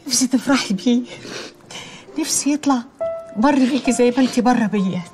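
An actress playing a loving older mother who prays softly for each of her children, speaking with an Egyptian accent. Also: on the high side, brisk, over music, natural voice. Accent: Egyptian Arabic. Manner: tender, prayerful, softly pleading. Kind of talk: Egyptian TV drama acting.

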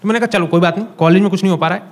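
Gripping a handheld mic in a small club, a young comic with an Indian accent spins stories for a live audience, animatedly acting out each exchange. His voice is high and his delivery rapid-fire.

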